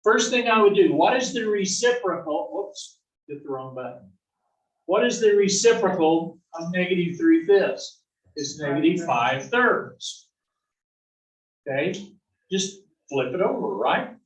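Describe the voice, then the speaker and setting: An algebra lecturer from the south-central US speaks with a high, expressive voice, a little slowly and with many pauses. Folksy and given to corny jokes, he often asks "right?", recorded from afar in an echoey classroom.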